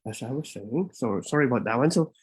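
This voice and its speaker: A man's voice: mid-range voice, expressive, fast talker, breathy edge. A man hosting a live webinar, talking informally, with many fillers and restarts. He is a bit out of breath and speaks into a laptop mic. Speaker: immigration consultant and webinar host.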